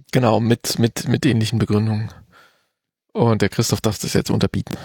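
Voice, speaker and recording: A man's voice: fairly low pitch, steady tone, moderate pace, a little mellow, slightly rough, dry recording. Male host, dry sound, hesitant filler-heavy moderating. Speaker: podcast host leading the round. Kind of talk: casual film review chat.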